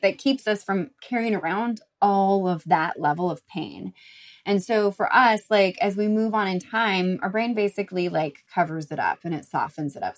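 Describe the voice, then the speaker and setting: A young adult woman hosting a recovery talk, speaking casually with lots of "like" fillers and blunt swearing. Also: mid-range voice. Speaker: recovery podcast host. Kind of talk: casual monologue advice.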